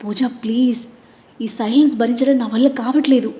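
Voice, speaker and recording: A woman's voice: on the high side, brisk, warm tone, close to an everyday voice. A woman voicing an anxious young man who pleads urgently in a scripted audio story. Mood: pleading.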